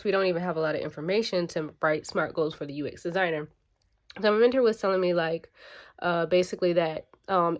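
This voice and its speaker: Woman rambling on to her vlog viewers, loose and chatty, tons of likes and ums. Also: medium pitch. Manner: rambling, filler-heavy talk with frequent "like" and "um". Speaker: bootcamp student vlogger. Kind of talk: casual vlog chat.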